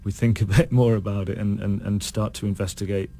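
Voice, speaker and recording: A British man with a low, gravelly voice talks through his ideas in a relaxed interview. He speaks thoughtfully and stumbles over his words, restarting his sentences often. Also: slight background noise. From United Kingdom. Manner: thoughtful, halting with many restarts. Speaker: guest singer. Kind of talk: casual interview chat.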